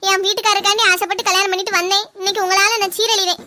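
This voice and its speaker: Woman doing young cartoon daughter-in-law, indignant, talks back, bright, fast. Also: very high voice, flat delivery, a little hiss or hum.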